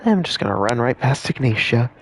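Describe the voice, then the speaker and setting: A man's voice: mid-range voice, big pitch swings, brisk, faint music behind. A man giving playful, wry commentary as he streams a game. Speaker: gamer streamer.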